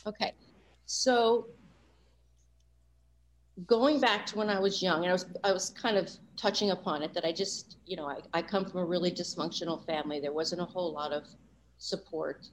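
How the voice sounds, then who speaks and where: A voice-over coach appears as an interview guest, speaking candidly and reflectively in a lowish voice at a moderate pace. She is earnest and often drops in "you know" asides. The recording is rough, with slight hiss or hum.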